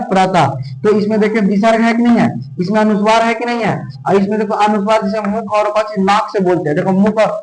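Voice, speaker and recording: A male grammar teacher, giving a classroom lecture and constantly asking his class questions to check they understand. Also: high-pitched. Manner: repetitive call-and-response questioning. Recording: roomy echo.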